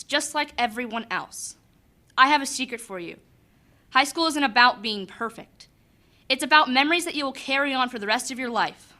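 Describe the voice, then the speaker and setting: A woman's voice: high voice, pushed and bright. A teenage female student giving a scripted motivational campaign speech as an election candidate.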